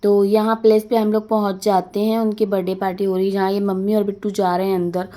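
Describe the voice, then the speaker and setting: A woman's voice: mid-range voice, flat delivery, quick pace, warm tone. A young woman chatting casually as she narrates her family vlog, rambling and laughing as she recounts the day. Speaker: vlogger.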